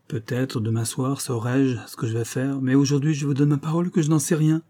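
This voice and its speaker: A man reading an audiobook, voicing a proud, hot-tempered young actress with a sharp, impatient manner. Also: medium pitch, steady tone, a little fast, close to an everyday voice. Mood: irritated.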